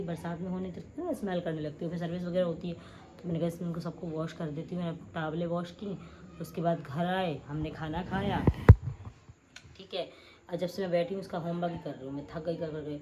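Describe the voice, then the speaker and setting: Woman in her 30s chatting to her vlog at night, a bit hoarse, lowish voice, noisy home audio. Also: level tone, a little fast. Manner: chatty, rambling, addresses viewers as guys. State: slightly hoarse throat. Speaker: vlogger. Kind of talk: casual chat to camera.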